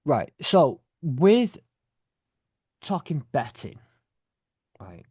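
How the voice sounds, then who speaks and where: Rambling, jokey British podcast host. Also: male voice, a little high, sing-song, drawn-out words, a little mellow, breathy edge, no room sound, studio quality. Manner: rambling, jokey, self-correcting. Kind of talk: casual chat.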